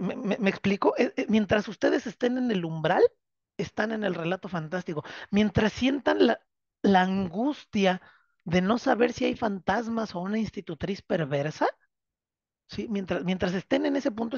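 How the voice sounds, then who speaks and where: A literature teacher lectures a course class, retelling the story with animated drama and tossing "right?" checks to the students. The recording sounds dull and lo-fi. It is bone-dry, with no room sound. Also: mid-range voice, moderate pace, creaky, husky, no room sound. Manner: keeps checking understanding with tag questions.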